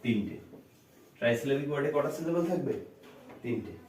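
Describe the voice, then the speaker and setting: A man teaching an English grammar lesson, breaking words slowly into syllables and answering his own questions to the class. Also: mid-range voice, animated, a little mellow, a little hiss or hum. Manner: asks the class questions and answers them himself. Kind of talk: classroom lecture. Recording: roomy echo, voice from a distance.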